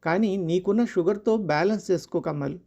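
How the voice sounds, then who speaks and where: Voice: medium pitch, a little fast, vocal fry, a little mellow, muffled recording. A storyteller voicing a middle-class working wife and mother who is irritable and sarcastic, read in a storybook style. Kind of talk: storytelling dialogue.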